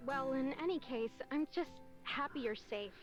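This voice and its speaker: A woman's voice: high-pitched, moderate pace, dull audio, faint music behind, natural voice. An actress playing a sly, motherly woman boss speaking over a radio, dry and slightly weary.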